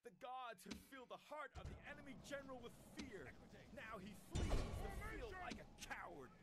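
A man's voice: very high voice, very animated, moderate pace. A man voicing a dramatic battle announcer in a strategy game, proclaiming the flight of the enemy. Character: male battle announcer of an ancient army. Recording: game audio over battle crowd noise.

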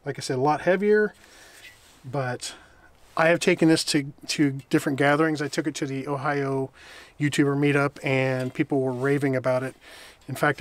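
A middle-aged man with a voice on the high side reviews camping gear outdoors in a wintry forest. He explains things in a relaxed, rambling way, correcting himself as he goes.

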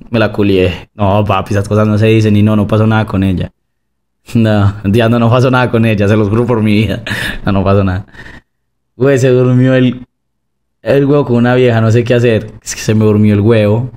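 Dude streaming, crude jokey slang, answering chat off the cuff. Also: male voice, medium pitch, darkish tone.

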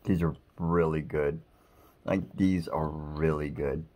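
A man's voice: very deep voice, fairly even intonation, takes it slowly, darkish tone. A man co-hosting a casual snack-tasting video, teasing his partner and reading product blurbs aloud.

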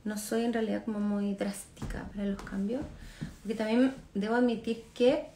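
Livestreaming from her living room, this Chilean woman in her thirties answers fans as a singer, reading comments aloud to a phone camera at arm's length. Her tone is dark and mellow, mid-range, at a moderate pace, with a bit of background noise. She talks loosely and casually, laughs a lot, and lets sentences fade out with fillers.

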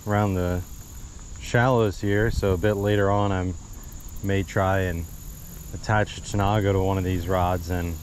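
A low, steady-toned man speaks at a measured pace, with slight background noise. He's a fishing vlogger chatting easily and thinking aloud as he narrates a fishing trip at a marsh pond, filmed on a body-worn action camera. It's casual outdoor vlog narration.

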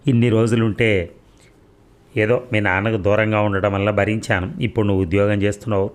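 A tearful middle-aged mother pleads and complains in a plaintive tone, voiced by a male storyteller. The pitch stays low and near the reader's plain voice. This is storybook narration, not a stage performance. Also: close to an everyday voice.

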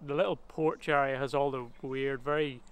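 A man's voice: mid-range voice, steady tone, normal speed, clean tone, poor audio. A man giving casual, rambling commentary while taking photos outdoors at an abandoned building, with many fillers and restarts. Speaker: photographer and vlogger.

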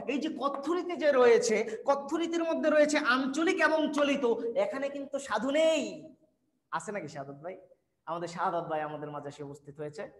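A man with a very high voice teaches an online admission class, joking and teasing his students by name as he answers their chat questions. He slips English words into his talk. The sound is roomy, with a long echo trailing off each phrase. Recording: echoey room with long reverb.

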